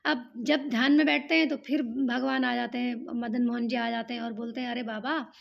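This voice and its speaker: Woman storyteller, devotional legend, high gravelly voice, dull lo-fi recording. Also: level tone, a little fast. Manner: plain spoken narration with fillers.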